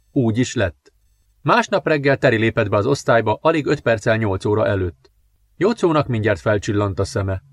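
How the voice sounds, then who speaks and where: Calm male audiobook narrator. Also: medium pitch, dry recording. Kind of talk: scripted narration.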